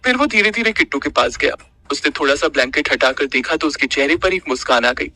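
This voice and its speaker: Bright-voiced man narrating an audiobook. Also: on the high side, fast. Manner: expressive storytelling.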